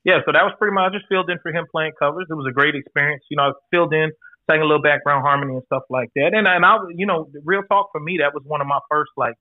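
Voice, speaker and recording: A man's voice: on the high side, fairly even intonation, racing, no echo. A man in his forties talking as a podcast guest in a laid-back, candid, profane way. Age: 40s. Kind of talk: casual chat. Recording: tinny phone-like line, dry.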